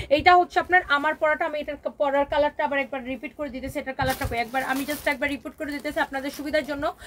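Woman hawking dresses on a phone live, super fast and high, keeps repeating herself. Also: sharp tone, a little hiss or hum. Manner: fast, emphatic, repetitive sales patter mixing in English. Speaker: online clothing seller hosting a live sale. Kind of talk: live-stream sales pitch.

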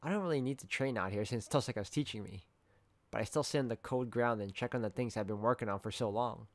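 Medium-pitched man narrating a story. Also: fast, no echo. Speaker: reader of a visual novel playthrough. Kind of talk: first-person story narration read aloud.

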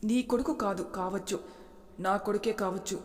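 A woman voicing a patient, gentle young wife and mother who speaks calmly and softly, with a long reverb. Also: medium pitch, moderate pace, natural voice.

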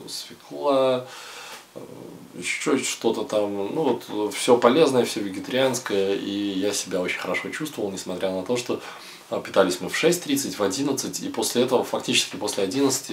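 Low, gravelly young man rambling to camera. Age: young adult. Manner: loose and rambling, hesitant with many pauses. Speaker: vlogger sharing a retreat experience. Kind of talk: casual to-camera monologue. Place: small indoor room at home. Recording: roomy home room, faint hiss.

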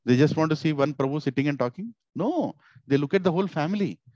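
A middle-aged man with a South Indian accent giving an informal devotional sermon, animated and repetitive, asking rhetorical questions into a headset mic. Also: on the high side, fast talker, no echo. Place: small indoor office. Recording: slightly dull, lo-fi headset audio.

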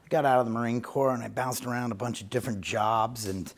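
Speaking fast in a mid-range voice with fairly even intonation, a thirty-something barbershop owner gives a casual interview as he cuts hair in the barbershop basement. His tone is earnest and grateful, full of fillers.

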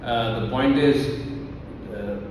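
A man in his forties with an Indian accent giving an informal market update as a real estate agent, halting and repeating phrases as he thinks aloud. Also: medium pitch. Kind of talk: informal talking-head market commentary. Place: small office indoors. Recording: very echoey room, distant mic, background noise.

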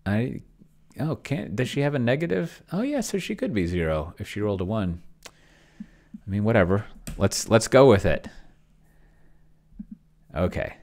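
On the low side and a little mellow, this middle-aged man's voice is sing-song and somewhat slow, with vocal fry and long pauses. A streamer and solo role-player, he chats casually on a live stream from a small home room, muttering fragmented thoughts as he types on a keyboard.

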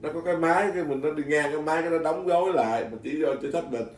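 A Buddhist monk, telling stories in casual chat, animated, laughing often and restarting his sentences. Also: a little high, very fast. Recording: echoey room, mic at a distance.

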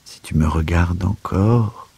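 A man reading the lines of a dying young man in a storybook reading, speaking in a slow, muted, hollow way. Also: low-pitched, gravelly, warm tone, slight background noise, exaggerated voice. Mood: despairing.

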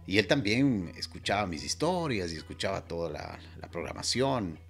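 A man with an Ecuadorian accent telling a personal anecdote in a casual, animated way, often repeating words. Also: sits low, moderate pace, soft background music. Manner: animated, repeats words, voices the people in the story. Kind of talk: casual storytelling.

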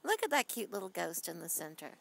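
A woman's voice: on the low side, sing-song, fast, creaky, fairly bright tone. A woman vlogger narrating casually from her car, chatty and enthusiastic.

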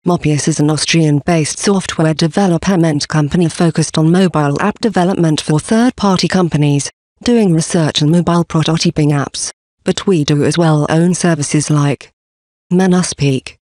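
A man giving a scripted presentation for a company, reading slide contents and symbols aloud in a steady, even delivery. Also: fairly high pitch, moderate pace, no echo, studio quality.

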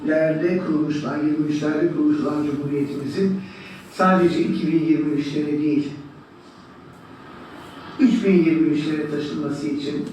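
A woman's formal address heard over a phone line, her dark, mellow voice drifting in from far off through a cavernous echo with faint hiss behind it. She talks in a measured, solemn way, drawing out her phrases as she addresses children with affection. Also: low-pitched. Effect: voice coming over a live phone line into a room. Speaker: guest speaker addressing schoolchildren. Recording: echoey, distant phone audio with faint noise.

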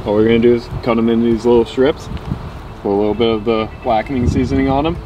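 Talking fast in a medium-pitched voice, the young host of this cooking vlog jokes casually and cheerfully with a friend as they cook outside at night. They're at an island campsite, and the outdoor recording picks up clear background noise.

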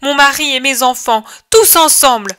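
A woman's voice: very high-pitched, slow pace, bright, forceful tone, pitched above the performer's own voice, full character voice. A woman reader voicing a grieving mother who cries out in despair over her lost children, in a shrieking, sobbing outcry for an audiobook. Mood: anguished wailing. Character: grieving bereaved young mother, wailing in despair.

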